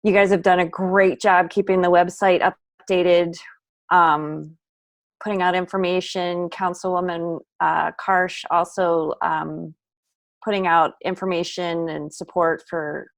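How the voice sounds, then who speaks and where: A woman's voice: on the low side, level tone, unhurried, no echo. A woman council member giving a friendly, chatty report over a video call. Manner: friendly, light laughs between remarks.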